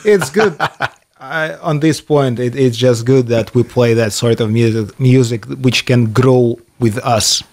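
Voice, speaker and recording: Guest: Ukrainian man, 30s, mid-pitched, repeats words as he thinks. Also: a little slow, a little mellow. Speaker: band musician, interview guest. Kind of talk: casual interview chat.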